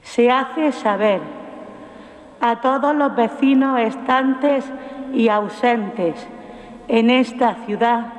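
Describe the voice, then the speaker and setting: A man giving a solemn, formal reading of an old proclamation at a church ceremony, in measured, deliberate phrases. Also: very high voice. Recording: echoey hall with long reverb.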